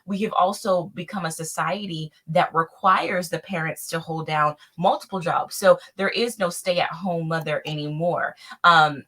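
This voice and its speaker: A woman's voice: on the low side, fairly even intonation, measured pace, hardly any pauses, bright, forceful tone. A woman in her thirties, a nurse speaking as a panel guest, explaining her points earnestly with frequent fillers. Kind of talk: discussion panel talk.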